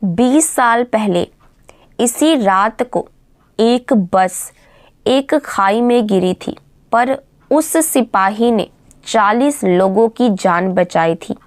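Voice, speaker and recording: A woman voicing an old male petrol pump guard, speaking slowly and gravely in a hushed tone. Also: a little high, no echo.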